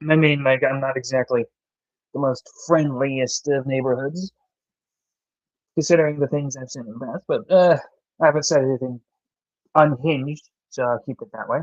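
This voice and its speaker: A young Southern American man talks on his live stream at a normal speed and steady tone, taking long pauses between thoughts. He rambles and restarts frequently as he reads and replies to chat, and his mid-range voice comes through a dull, dry home mic without echo.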